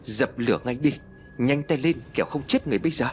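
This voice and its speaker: A man's voice: medium pitch, fast talker, natural voice. Man voicing a haughty exorcist master. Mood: alarmed, angry. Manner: haughty, scolding. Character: stern middle-aged male exorcist master, commanding.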